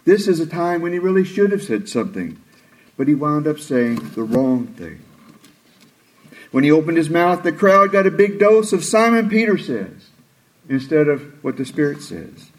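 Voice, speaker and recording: A man preaching a sermon, retelling scripture expressively and acting out the quoted lines. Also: rough recording. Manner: expressive, acts out quoted lines with rising pitch and slowed delivery.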